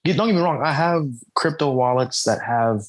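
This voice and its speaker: A young man with a husky voice co-hosts a laid-back podcast. He jokes around and plays the confused one, asking his partner to break things down. His delivery is loose and playful. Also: on the high side, normal speed. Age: young adult. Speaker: podcast co-host. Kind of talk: casual chat.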